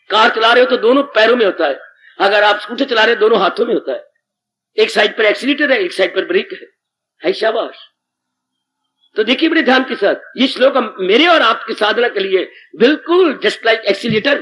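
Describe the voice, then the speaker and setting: High, bright-voiced Hindi preacher man. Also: slight background noise, poor audio. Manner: animated storytelling, voicing villagers and rising into exclamations. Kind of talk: devotional sermon with acted parable.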